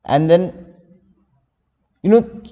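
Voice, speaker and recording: A man's voice: high-pitched, animated, very slow, warm tone, long reverb tail, muffled recording. A teenage boy from India speaking earnestly as an interview guest, rambling with many fillers. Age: teens. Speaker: interview guest, young novelist. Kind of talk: casual interview.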